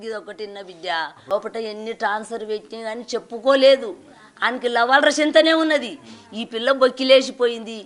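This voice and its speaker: A woman's voice: high voice, a bit bright. Grieving older Telangana woman lamenting. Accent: Telangana Telugu. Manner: lamenting, repeats phrases, sobbing laughs. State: grief-stricken. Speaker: victim's mother. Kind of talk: grieving interview.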